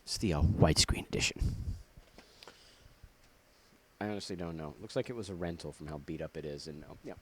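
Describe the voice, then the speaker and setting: A man's voice: a bass voice, fairly quick, pauses often, fairly bright tone, a little hiss or hum. A man casually showing off his laserdisc collection, jokey and rambling, with puns and asides. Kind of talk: casual show-and-tell vlog.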